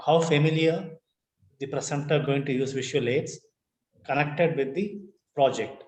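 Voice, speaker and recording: A man's voice: fairly high pitch, a little slow, a little mellow, roomy sound, poor audio. A man hosting a club meeting over a video call, introducing the next speaker formally. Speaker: meeting host.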